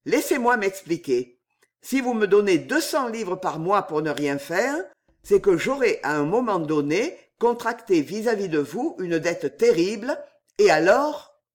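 A man's voice: high voice, sing-song, measured pace. A man reading aloud, voicing a humble male servant in strained, pleading outbursts. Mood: tense. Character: tense humble servant man, seething hatred.

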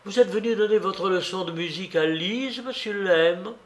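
A man's voice: high-pitched, normal speed, voice pushed up, natural voice. A man reading the part of a gracious older lady of the house, speaking in polite, mannered phrases. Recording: roomy echo.

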